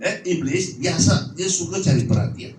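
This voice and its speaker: A pastor preaches with animated jokes and strings of rhetorical questions. His voice sits high and echoes through a roomy church hall. A distant mic picks it up with faint noise behind. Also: normal speed. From Malaysia. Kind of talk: sermon.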